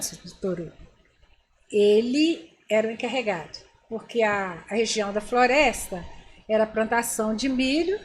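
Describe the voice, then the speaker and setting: In a voice that sits a little high, an older Brazilian woman shares memories in a storytelling interview, talking straight to her listeners with lively animation. A faint hiss or hum runs under the recording.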